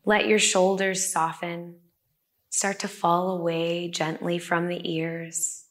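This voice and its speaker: Slow, soothing woman guiding a meditation. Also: lowish voice, level tone. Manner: slow, soft and soothing, with long pauses. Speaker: meditation guide. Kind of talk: guided body-scan meditation. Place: a room with the listeners present.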